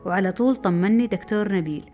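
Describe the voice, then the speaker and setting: A middle-aged woman from Saudi Arabia, telling a personal memoir story in a brisk, lively way. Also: medium pitch. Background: faint background music.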